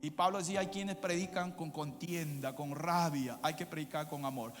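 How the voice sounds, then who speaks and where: A male pastor preaching a sermon, moving from quiet asides to shouted climaxes. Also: a little high, normal speed. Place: church. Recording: long church reverb with music behind.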